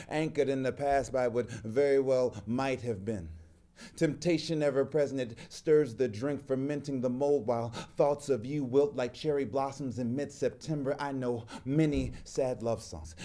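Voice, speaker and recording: A man performing spoken-word poetry in a slow, measured, low delivery. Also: mellow. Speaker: poet.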